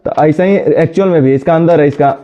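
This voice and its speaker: Scolding teacher. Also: male voice, fairly high pitch, mellow. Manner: scolding, brisk, addresses students directly. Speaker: reasoning teacher. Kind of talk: classroom lecture. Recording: dull lo-fi sound.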